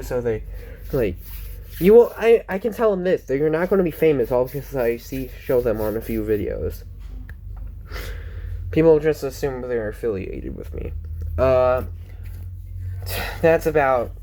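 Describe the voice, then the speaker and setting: A man's voice: mid-range voice, darkish tone. Teen boy rambling on a home vlog, tons of ums and restarts, sounds kinda teary. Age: teens. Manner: rambling, many fillers and self-corrections. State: sounds close to tears. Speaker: vlogger.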